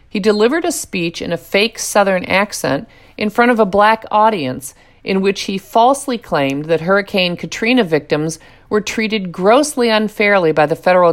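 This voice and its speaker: A woman reading scripted political commentary in a sarcastic, mocking manner. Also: medium pitch.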